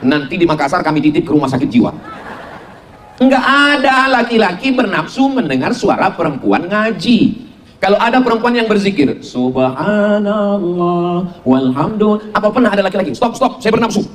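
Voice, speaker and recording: A middle-aged man giving a humorous sermon to a congregation, animated and full of mimicry. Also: fairly quick, slight background noise. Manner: animated, mimics voices for jokes, shifts between high and low pitch. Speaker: Islamic preacher.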